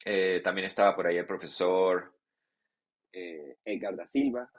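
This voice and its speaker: Man, podcast guest, husky voice, lowish pitch, relaxed, halting, lots of fillers. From Venezuela. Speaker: guest, track cyclist. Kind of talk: casual podcast interview.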